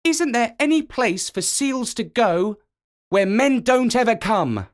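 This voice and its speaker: Eager young seal for a storybook , played by a man, high and insistent. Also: big pitch swings, slow pace, heavily acted. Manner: eager, shouting questions.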